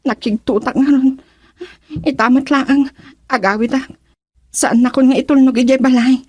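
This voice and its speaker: A female voice actress with a Filipino accent plays a devoted young daughter and sweetheart in a radio drama, sounding earnest, expressive and disappointed. Her voice is high-pitched and slightly rough, at a moderate pace, with no room sound.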